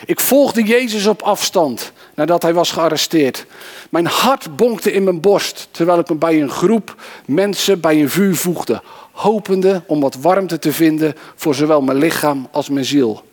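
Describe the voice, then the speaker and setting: A man's voice: a little high, a little slow. A man voicing a remorseful apostle confessing in first person, in a dramatic monologue within a sermon. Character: remorseful male apostle, adult, once impetuous.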